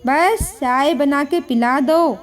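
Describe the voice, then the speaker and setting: Woman putting on a furious young daughter-in-law, high shrill voice, shouting, accusing, storybook drama. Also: takes it slowly. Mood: angry.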